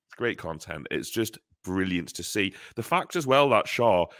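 A man co-hosting a fan podcast in casual, animated chat, joking and swearing now and then. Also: low-pitched, normal speed, dry recording, studio quality. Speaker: podcast co-host.

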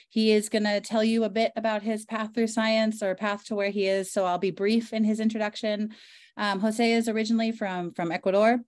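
A woman's voice: medium pitch, a little mellow. Woman host introducing a speaker. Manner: enthusiastic, many fillers. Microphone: video call.

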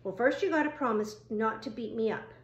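A woman reading an audiobook, voicing a frightened but scheming young teenage boy who talks in a squeaky, pleading way. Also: a little fast, dull audio, natural voice. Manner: squeaky, pleading, playing timid. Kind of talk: audiobook character voice. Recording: roomy echo.

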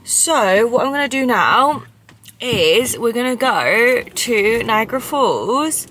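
A woman's voice: a little high, animated, slow, a bit bright, a little hiss or hum. A woman, chatting upbeat and rambling as a vlogger from inside a parked car, filmed by a camera on the dashboard. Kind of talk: casual chatty vlog. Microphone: camera on the dashboard or held in hand.

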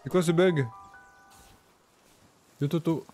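A man streaming a video game, chatting casually with his viewers and breaking into excited exclamations. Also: fairly high pitch, slow pace, soft background music. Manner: chatty, talks to chat and game characters. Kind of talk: casual gameplay commentary.

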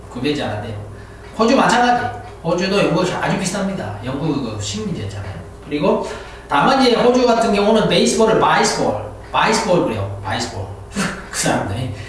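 A man's voice: high voice, a little hiss or hum. A man lecturing on English words and grammar, who jokes and thinks aloud. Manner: lively, joking, thinks aloud. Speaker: English teacher. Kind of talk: classroom lecture. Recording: echoey room, mic far off.

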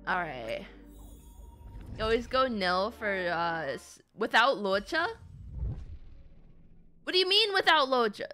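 With a mid-range voice, a slow pace and long pauses, a woman game streamer chats casually while she plays. Her manner is animated, playful and chatty; she calls her viewers "gamers" and "guys" as game music plays behind her.

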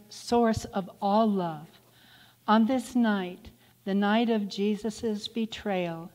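A woman reading liturgical prayers slowly and carefully, heard with a cathedral-like church echo. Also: medium pitch, darkish tone. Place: church sanctuary. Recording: long church-hall reverb.

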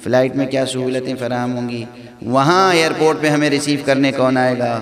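A man's voice: mid-range voice, steady tone, brisk, crowd noise. A male religious scholar giving a lecture, building points through rhetorical questions and emphatic repetition. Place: lecture hall gathering. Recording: reverberant hall with audience.

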